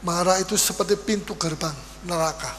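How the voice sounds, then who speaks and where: A pastor preaching a sermon in a church, animated and lively, acting out little quoted exchanges. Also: male voice, high-pitched, fairly quick. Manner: animated preaching with acted-out quotes and Dutch sayings. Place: church hall. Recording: reverberant church hall, faint hum.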